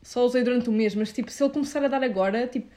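Fast-talking young Portuguese woman, slangy. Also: a little high, slight background noise. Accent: European Portuguese. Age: young adult. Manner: animated, slangy, peppered with English words. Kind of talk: casual chat.

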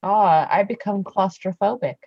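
A woman's voice: medium pitch, normal speed, gravelly, slightly rough, muffled recording. A woman playing a tabletop game, bantering casually with a dry, sarcastic manner.

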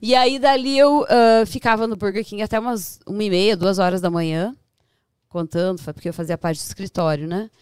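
A woman from Brazil with a Brazilian Portuguese accent, a podcast guest telling stories in a lively, animated way. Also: medium pitch, a little fast, smooth, dry recording. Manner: lively storyteller who acts out voices and laughs often. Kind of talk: casual storytelling chat. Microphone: studio podcast mic.

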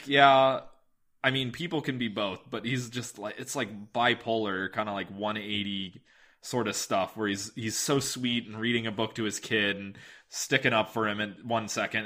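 A man talking casually as a podcast guest, animated and repeating words as he gathers his thoughts. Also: lowish voice.

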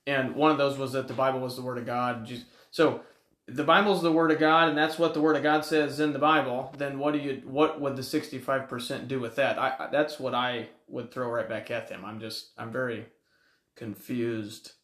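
A man's voice: medium pitch, level tone, normal speed, fairly bright tone, roomy sound. A man co-hosting a podcast, pushing back with pointed, puzzled questions. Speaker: podcast co-host. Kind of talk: casual podcast discussion.

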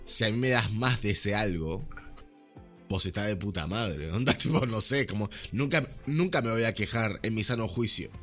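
Young rioplatense guy ranting on his podcast, lowish voice, slangy and worked up, bit of music behind. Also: normal speed. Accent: Rioplatense Spanish. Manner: animated ranting with slang and laughter. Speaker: podcast host. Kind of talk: casual podcast chat.

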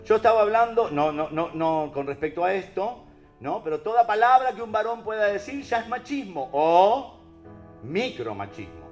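A man with a Rioplatense accent preaches to listeners, peppering his talk with rhetorical questions. His voice sits a little high and leaps up and down with emphasis. Soft music plays faintly underneath. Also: moderate pace, muffled recording. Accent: Rioplatense Spanish. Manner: animated, rhetorical questions to the audience.

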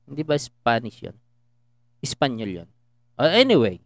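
A man's voice: medium pitch, wildly swooping pitch, normal speed, vocal fry, no echo, clean studio sound. A young man co-hosting a casual podcast, teasing his friend and laughing often. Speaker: podcast co-host. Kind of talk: casual Tagalog podcast chat.

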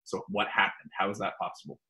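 A man's voice: low voice, monotone, fast, sharp tone. A man co-hosting a podcast, casually reading brain teasers to a friend in a playful, teasing way. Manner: playful, teasing quizmaster who laughs often. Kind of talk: casual chat.

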